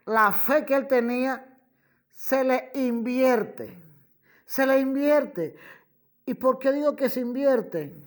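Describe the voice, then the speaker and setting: A woman delivers a sermon in a deliberate, unhurried way, her voice sitting a little high. She stresses her points by repeating them and speaks directly to her listeners as brother and friend. The delivery is emphatic throughout. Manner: slow, emphatic preaching with repeated phrases. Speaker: preacher. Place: radio program.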